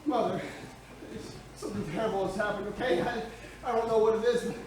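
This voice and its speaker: A man's voice: sits high, fairly even intonation, a little fast, natural voice. A man on a theater stage playing a desperate, bewildered family man, frantic and pleading. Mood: distraught. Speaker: stage actor. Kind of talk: live stage play acting. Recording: echoey stage from far off.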